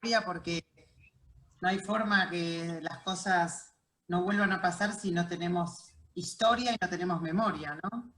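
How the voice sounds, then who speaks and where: A woman interviewer asks her guest questions in a fairly low voice. She prompts the guest and pauses on fillers while searching for words, and her voice sounds roomy and echoey. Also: a bit bright. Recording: echoey room.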